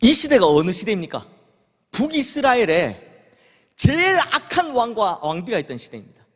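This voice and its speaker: A male pastor delivers a sermon in a church sanctuary, his pitch riding high and swinging widely as he tells the story. He slips into the voices of the people he quotes. A long hall reverb trails behind every word. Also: wildly swooping pitch, normal speed, a bit bright. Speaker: senior pastor.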